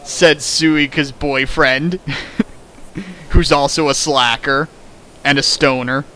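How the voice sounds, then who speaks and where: A man with a sharp, somewhat high voice reads a fan fiction aloud slowly and with fairly even intonation, doing it for laughs. He keeps breaking off for sarcastic, mock-outraged commentary in this comedic dramatic reading, and a slight hiss or hum is audible.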